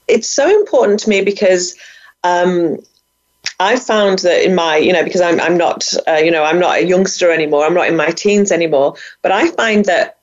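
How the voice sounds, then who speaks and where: A middle-aged woman talking enthusiastically as an interview guest about budgeting, with plenty of fillers. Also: lowish voice. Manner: enthusiastic, chatty, many fillers. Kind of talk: casual interview talk. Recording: dull lo-fi audio.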